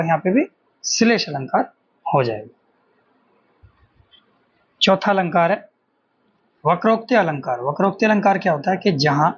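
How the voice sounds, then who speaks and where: A man with a high voice teaches an exam-prep grammar lesson, going step by step and answering his own questions. The recording is dull and lo-fi, with a faint hiss underneath.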